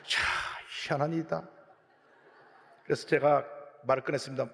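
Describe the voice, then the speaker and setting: A male pastor preaching a sermon, telling a story animatedly, jumping between loud outbursts and hushed asides. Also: fairly high pitch, steady tone, normal speed, gravelly, long reverb tail.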